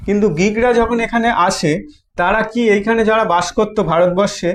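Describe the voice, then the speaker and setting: High-pitched bengali guy teaching history, asks then answers himself, repeats stuff a lot. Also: fairly even intonation. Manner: asks questions and answers them himself, repeats words often; halting, restarts phrases. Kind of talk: classroom history lesson.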